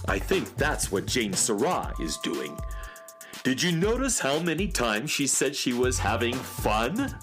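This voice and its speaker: A man's voice: medium pitch, very animated, unhurried. A man playing an eccentric, cheerful handyman inventor in a whimsical, theatrical children's radio comedy style. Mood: cheerful, musing. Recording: music behind the voice.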